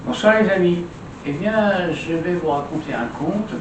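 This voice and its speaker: Un homme qui raconte, doucement hésitant, avec beaucoup d'hésitations et de répétitions. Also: male voice, high voice, moderate pace, muffled recording. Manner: hesitant, with many fillers and repeats. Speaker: storyteller. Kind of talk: spoken storytelling. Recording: roomy, distant mic, ambient noise.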